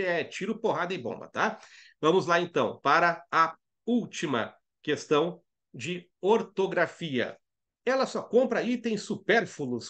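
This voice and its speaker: A man's voice: fairly high pitch, a bit bright. Chatty Brazilian grammar teacher, man. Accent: Brazilian Portuguese. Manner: jokey, reads viewer chat aloud, frequent "tá?" and "né?"; slows right down to spell out words. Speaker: online Portuguese grammar teacher. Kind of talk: live online lesson, chatty and playful.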